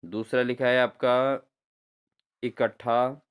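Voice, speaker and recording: A man teaching a spelling lesson for exams, repeating each answer back to his viewers and spelling words out slowly syllable by syllable. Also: mid-range voice, little pitch movement, clear, resonant tone. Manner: repeats answers as questions to viewers, addresses them as friends. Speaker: exam-prep teacher. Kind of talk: spelling lesson for exam prep.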